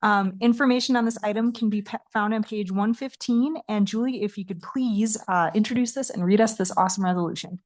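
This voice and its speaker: A woman from Wisconsin with a Wisconsin accent, chairing a public board meeting in a brisk, procedural way. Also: medium pitch, a little mellow.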